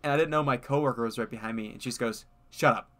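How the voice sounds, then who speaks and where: A man's voice: medium pitch, racing, fairly bright tone. Young male streamer, clean ringing voice, casual rambling chat with laughs. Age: young adult. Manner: rambling, laughs often, many fillers. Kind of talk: casual chat while gaming.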